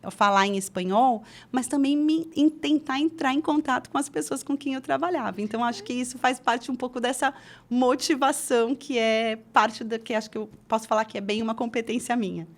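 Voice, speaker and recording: Her voice fairly high and fairly quick, this middle-aged woman from Brazil chats about her career as an interview guest. She frequently backs up to restart and fills gaps with filler words.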